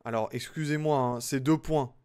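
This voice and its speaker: Young man, casual streamer chatter, self-mocking, mid-pitched voice. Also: fairly even intonation, normal speed, darkish tone, smooth. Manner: chatty, self-mocking, talks to chat while working. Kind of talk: casual live-stream chat while building Lego.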